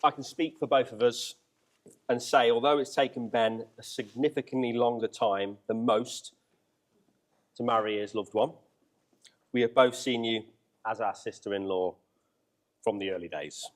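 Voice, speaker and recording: A man delivering an informal wedding speech in a halting way, with pauses, recorded live at a reception. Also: medium pitch, fairly even intonation. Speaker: wedding speaker, brother of the groom. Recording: noisy live event recording with clicks.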